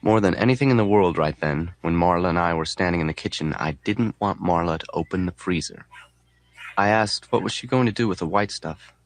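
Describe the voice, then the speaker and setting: A man narrating an audiobook in a deadpan, wry tone. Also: sits low, brisk. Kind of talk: scripted narration.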